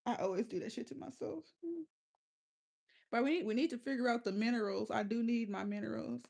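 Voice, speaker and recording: Fairly high and a little fast, her voice a bit mellow with some vocal fry, a woman with a lisp runs a laid-back livestream. She talks right to her chat, cursing freely and laughing a lot.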